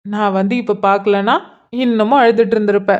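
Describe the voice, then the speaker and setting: A woman's voice: medium pitch, level tone, fairly quick, lo-fi sound, close to an everyday voice. A woman voicing an earnest young man who keeps pressing his elder sister with pleading, insistent questions in a cartoon. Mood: probing. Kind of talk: cartoon voice acting.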